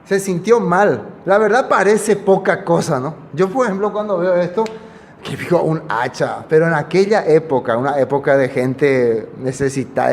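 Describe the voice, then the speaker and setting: High-voiced preacher in an echoey hall. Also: male voice, a little mellow, a little hiss or hum. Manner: conversational, asks the listeners for agreement. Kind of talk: informal Bible teaching.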